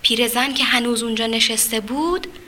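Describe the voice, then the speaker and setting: Expressive woman reading a children's story. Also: on the high side. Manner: expressive, addresses children directly.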